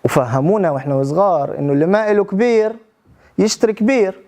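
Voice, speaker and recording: A man's voice: high-pitched, quick pace, dark tone. A man delivers a motivational talk. He tells his story with animation and turns often to address his listeners directly. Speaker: public speaking trainee.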